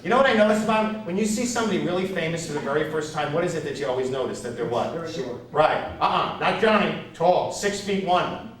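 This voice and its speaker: A man's voice: fairly high pitch, animated, fast, crowd noise. A male comedian from Connecticut telling a self-mocking story in a one-man comedy show, acting out the other people's voices. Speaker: stand-up comedian. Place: theater stage before a live audience. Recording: roomy live theater sound from a distance, audience laughter.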